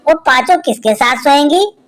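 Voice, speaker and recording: A woman's voice: sits high, expressive, normal speed, faint music behind. A woman voicing a scolding middle-aged mother in a read-aloud joke, with a stern, questioning manner.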